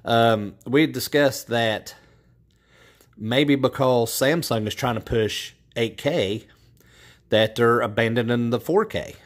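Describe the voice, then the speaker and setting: A man's voice: mid-range voice, slow pace. A man with an ordinary mid-range voice rambles through a casual home tech vlog. He sounds frustrated and keeps restarting his sentences, with plenty of fillers along the way. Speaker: TV tech YouTuber.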